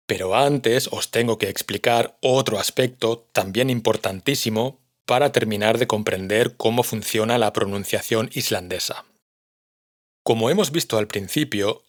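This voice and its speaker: A man, patiently explaining a language lesson to learners. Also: on the low side. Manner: patient, clear explanation, addresses learners directly. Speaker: language teacher.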